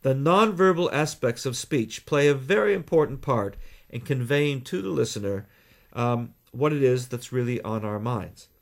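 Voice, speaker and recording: Measured Canadian man explaining. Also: medium pitch, animated. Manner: measured, explanatory, with deliberate pauses. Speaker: guest, communication trainer. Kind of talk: radio interview.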